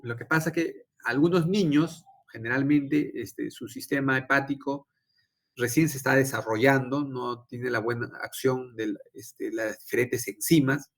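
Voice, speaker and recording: A young adult man lectures a physiology class in an easygoing, conversational way. He keeps quizzing his students and tags many phrases with a questioning "¿no?". His voice sits at an ordinary, middle pitch for a man. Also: fairly even intonation, moderate pace. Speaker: physiology lecturer and intensive care doctor. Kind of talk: informal lecture with personal anecdote.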